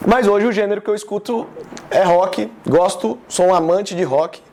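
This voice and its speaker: A man's voice: sits high, moderate pace, a little mellow, slight background noise. A man in his thirties from Goiás with a Goiás accent, giving an informal live business talk and speaking straight to his audience in a casual, chatty way. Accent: Goiás Brazilian Portuguese. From Goiás, Brazil.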